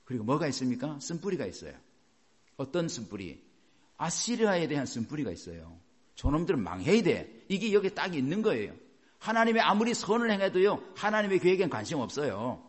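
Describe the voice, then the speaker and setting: Give me a man preaching a sermon, fairly high voice with a very lively melody. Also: fairly quick. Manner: animated, rhetorical questions, chuckles while preaching. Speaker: pastor.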